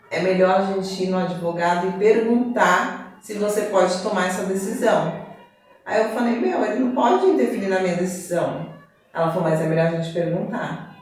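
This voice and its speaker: A woman giving a personal testimony as a guest, telling her story in an animated way and acting out the conversations. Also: mid-range voice. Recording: echoey room, far from mic.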